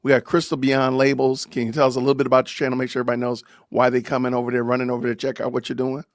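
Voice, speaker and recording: A man with a medium-pitched voice hosts a casual live-stream podcast, talking very fast in animated, preachy rants whose emphasis keeps rising. The sound is clean studio audio with no echo.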